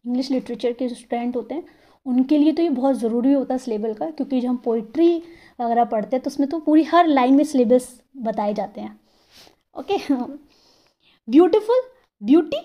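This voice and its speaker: A woman teaching an English grammar lesson, explaining patiently and sounding out example words slowly, syllable by syllable, and often checking in with the listener. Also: high voice, muffled recording. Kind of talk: classroom-style grammar lesson.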